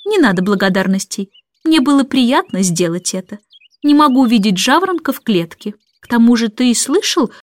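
A woman voicing a prim, no-nonsense nanny who speaks curtly and briskly. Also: a little high, animated, no room sound, close to an everyday voice. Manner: curt, brisk.

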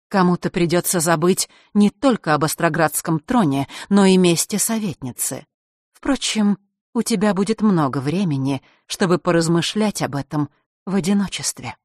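A woman voicing a commanding queen who speaks calmly and firmly. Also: lowish voice, no echo, studio quality. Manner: calm, firm, measured. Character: calm commanding female queen.

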